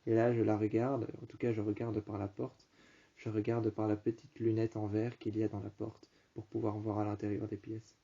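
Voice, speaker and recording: A man telling a first-person story, halting and often repeating and rephrasing his phrases. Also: on the low side, completely flat delivery, creaky, warm tone, breathy edge. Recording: dull lo-fi recording.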